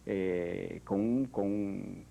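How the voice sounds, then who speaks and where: A Puerto Rican sculptor in an interview, speaking in a reflective, hesitant way with many fillers and restarts. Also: male voice, sits low, fairly even intonation, drawn-out words, creaky, warm tone, rough recording. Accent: Puerto Rican Spanish. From Puerto Rico. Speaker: artist, sculptor. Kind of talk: interview conversation.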